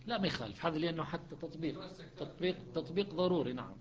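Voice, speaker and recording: A man's voice: a little high, animated, rapid-fire. A man teaching Quran recitation, correcting students and demonstrating the readings. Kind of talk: online tajweed lesson. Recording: muffled lo-fi sound.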